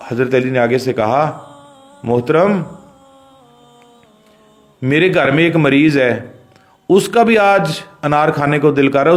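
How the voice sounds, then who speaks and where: A man with a Pakistani Urdu accent preaches a sermon. He tells a religious story and speaks directly to his listeners, dropping to low murmurs and then rising to emphatic lines.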